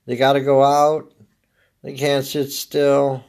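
An American man in his fifties with a gravelly smoker's rasp, giving a casual, rambling comedic monologue as a podcast host, dry and laid-back. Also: mid-range voice, completely flat delivery, takes it slowly, darkish tone. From Oregon, United States.

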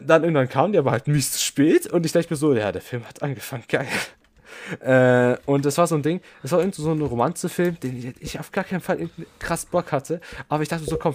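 A man's voice: fairly high pitch, brisk, no room sound. Rambling young man telling a story, dry sound. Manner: rambling storytelling with many fillers. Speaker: podcast co-host. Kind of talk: casual podcast chat.

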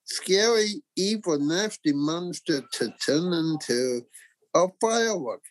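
A narrator and host reading a scripted children's story and facts in a theatrical, deliberate way. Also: medium pitch, animated.

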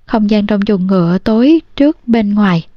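A woman reading a novel aloud in a calm, measured way, as an audiobook narrator. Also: mid-range voice, dry recording, dull audio. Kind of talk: storybook narration.

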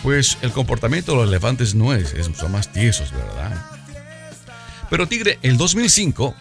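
A man hosting a radio show, talking in a playful, theatrical comedic monologue and addressing listeners directly with drawn-out emphasis. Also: mid-range voice, wildly swooping pitch, vocal fry, faint music behind.

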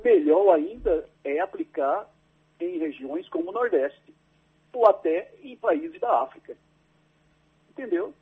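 A man's voice: high-pitched, sing-song, measured pace, pauses often, breathy edge, phone-quality sound. A man explaining his research to a radio host over a landline phone, patient and careful, often tagging his sentences with a questioning "right?". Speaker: agricultural researcher, interview guest.

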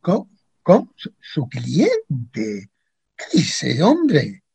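A man's voice: on the high side, wildly swooping pitch, drawn-out words, gravelly, darkish tone, breathy edge. A middle-aged man with an Argentine accent playing a flustered, stammering character in a comic sketch. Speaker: sketch character, supposed astronaut.

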